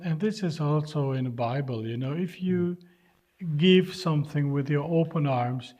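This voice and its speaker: A man from North Macedonia whose first language is Albanian answers interview questions earnestly, searching for English words as he goes. His voice is a little high and dark at a normal speed, on a dull lo-fi recording.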